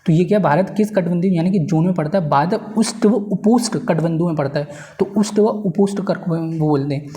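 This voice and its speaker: Explaining things at a board in a casual lecture, an exam-prep teacher speaks with a fairly high, mellow voice. He's repetitive by design, checking comprehension with tag phrases and going back over key points.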